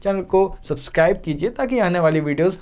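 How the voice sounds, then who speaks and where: A man with an Indian English accent, a teacher, gives a casual video lesson in pronunciation and says each word slowly and clearly more than once. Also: high-pitched, expressive, a little mellow, highs cut off. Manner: repeats words slowly and clearly for learners.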